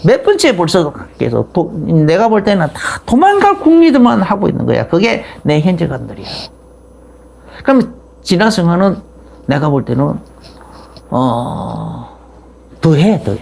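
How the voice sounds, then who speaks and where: A middle-aged male pastor delivers a sermon as loose, conversational storytelling, often restarting his sentences. His voice carries a gravelly edge. His pitch leaps up and drops back down in wide, expressive swings.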